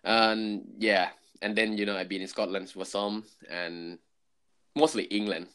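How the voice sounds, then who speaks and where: A man in his twenties with a Thai accent chatting casually, often pausing to search for words. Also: on the low side, steady tone, pushed and bright, clean tone. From Thailand. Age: 20s. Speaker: conversational co-host. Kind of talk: casual chat.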